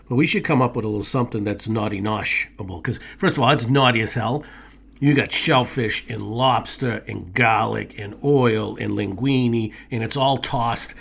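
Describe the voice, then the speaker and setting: A man's voice: mid-range voice, gravelly, fairly bright tone, breathy edge. A man co-hosting a food show, chatting enthusiastically and rambling with many restarts. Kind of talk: casual chat.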